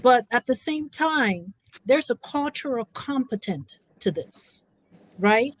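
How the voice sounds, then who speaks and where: A woman with a fairly high voice speaks on a panel in a close, dry recording. She gives personal testimony with feeling and emphasis, often checking in with short tag questions. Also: animated, slow, no room sound, poor audio. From born in California, raised in Africa.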